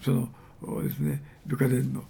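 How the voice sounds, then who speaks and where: A man's voice: mid-range voice, flat delivery, moderate pace, vocal fry, warm tone, husky. A man preaching a sermon, retelling Bible stories with many fillers and emphatic repetitions. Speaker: pastor.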